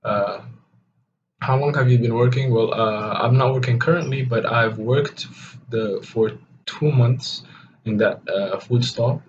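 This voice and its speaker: A man's voice: mid-range voice, measured pace. A man in his twenties, a student guest, hesitant with many fillers. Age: 20s. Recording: distant dull mic with background noise.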